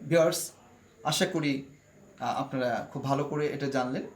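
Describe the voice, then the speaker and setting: A man teaching an online vocabulary lesson, who pronounces each word slowly and carefully and keeps addressing the viewers. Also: mid-range voice. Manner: slow careful word-by-word pronunciation drills.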